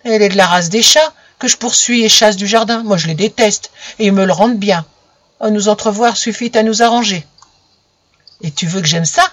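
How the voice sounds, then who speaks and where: A woman's voice: mid-range voice, a little fast, dry recording, close to an everyday voice. Woman doing a grumbling jealous dog. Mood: indignant. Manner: growling, indignant. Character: grumpy jealous pet dog, male.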